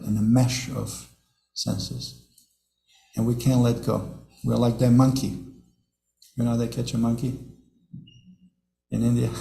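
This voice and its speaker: Slow gravelly man teaching a class. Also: mid-range voice, dark tone, echoey room, low-quality recording. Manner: chuckles often, repeats words, talks to the audience. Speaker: speaker giving a scripture class. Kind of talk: devotional class talk with storytelling. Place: temple hall.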